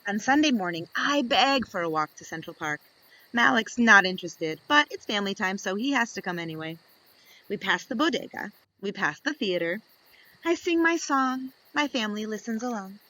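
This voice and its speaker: Heard on a rough recording with no echo, a woman reads a story to young children in a medium pitch. Her delivery is expressive and unhurried, full of dramatic pauses.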